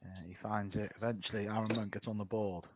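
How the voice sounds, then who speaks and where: A man's voice: fairly low pitch, level tone, quick pace. A man giving live sports commentary on a darts match. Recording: very noisy live stream sound.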